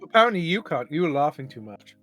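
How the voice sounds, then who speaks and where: A man's voice: a little high, big pitch swings, quick pace, a bit bright, no echo, faint music behind. A man hosting a casual stream, talking in a chatty, rambling way, stumbling over repeated words and apologizing to his chat. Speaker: stream host.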